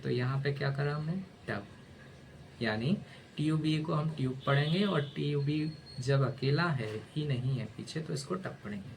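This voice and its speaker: A man's voice: on the high side, a little slow, creaky, slight background noise. A male teacher gives a casual spoken lesson, spelling letters aloud and often asking "है ना?".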